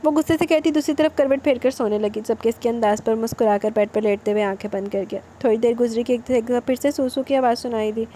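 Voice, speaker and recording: A woman reads a romance novel aloud, narrating in a steady, plain way. Her voice sits a little high, with a mellow, soft tone. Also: few pauses, slight background noise.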